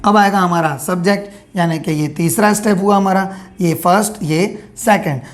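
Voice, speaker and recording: A woman with a fairly low voice teaching a grammar lesson. She dictates example sentences slowly and deliberately. She keeps putting questions to the class and answering them herself.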